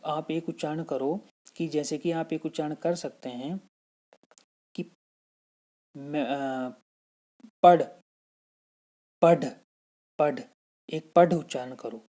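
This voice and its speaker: Mellow-voiced male teacher explaining grammar. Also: on the high side. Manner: explains step by step, asks and answers his own questions; checks in often with short tag questions. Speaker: school teacher. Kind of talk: classroom grammar lesson.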